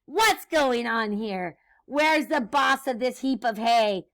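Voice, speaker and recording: A woman performs a short-tempered storybook witch with a high voice. She is bossy and screechy, throwing out demands and insults in a closely recorded, dry sound. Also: lively intonation, takes it slowly, fairly bright tone, no room sound, exaggerated voice. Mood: furious.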